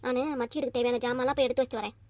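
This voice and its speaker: A woman voicing a stubborn, quarrelsome old grandmother in a cartoon family comedy, scolding in a sharp, rapid-fire way. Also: on the high side, steady tone, no room sound, studio quality, lightly acted. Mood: resolute.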